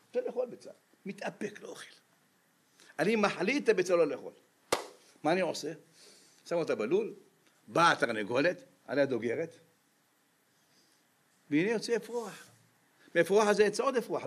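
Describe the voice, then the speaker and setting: Animated rabbi preaching, slightly high voice. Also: male voice, husky. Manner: lively, peppered with rhetorical questions to the audience. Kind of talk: sermon.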